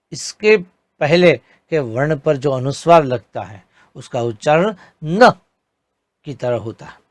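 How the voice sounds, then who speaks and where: A man's voice: fairly high pitch, no echo. A man teaching a Hindi grammar lesson, drawing out each example word with careful enunciation. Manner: drawn-out enunciation of example words. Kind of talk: slow, deliberate grammar lesson with spoken examples.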